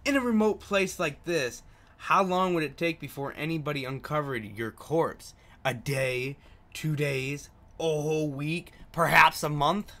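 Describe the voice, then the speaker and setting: A man hosting a gaming video comments casually and reads game text aloud, sometimes stumbling over words. His pitch is fairly high and his tone sharp, and he speaks a little slowly.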